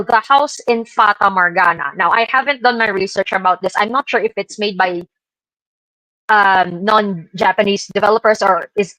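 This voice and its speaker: On an online live stream call, a woman podcast presenter talks informally and hesitantly to her co-hosts. Her voice is medium-pitched and fairly bright, captured on a dry, low-quality recording.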